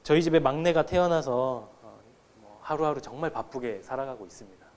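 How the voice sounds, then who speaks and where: A man's voice: medium pitch, fairly quick, darkish tone. A man in his thirties, a pastor preaching a sermon in a conversational, storytelling way to his congregation. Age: 30s. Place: church sanctuary.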